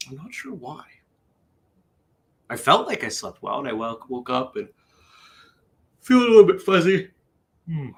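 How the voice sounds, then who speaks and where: A man's voice: mid-range voice, creaky. A man hosting a casual morning livestream, chatty and tired after a bad night's sleep, greeting viewers and reading out their comments. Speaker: host.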